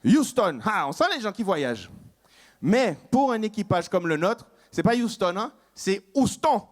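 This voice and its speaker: A man doing stand-up storytelling, with a lively, teasing delivery full of sound effects. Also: high voice, normal speed. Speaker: stand-up comedian.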